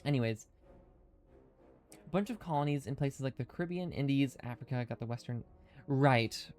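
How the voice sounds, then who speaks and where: A man's voice: mid-range voice, moderate pace, a little mellow, soft background music. A man live-streaming a video game, thinking aloud through his moves and chatting with viewers, with his speech a little hindered by dental retainers. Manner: thinking aloud, chatty, reads chat comments. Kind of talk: casual live-stream commentary.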